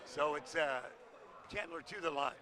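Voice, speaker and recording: Older play-by-play announcer, high bright voice, excited calls, gym crowd around him. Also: male voice. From Illinois. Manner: rapid excited calls, chatty asides. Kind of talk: high school basketball play-by-play.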